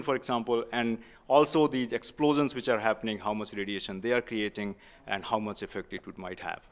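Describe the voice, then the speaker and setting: A man's voice: mid-range voice, fairly bright tone. A man scientist with an Indian English accent answering an interview question, hesitating with many fillers. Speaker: payload scientist. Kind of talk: live broadcast interview answer.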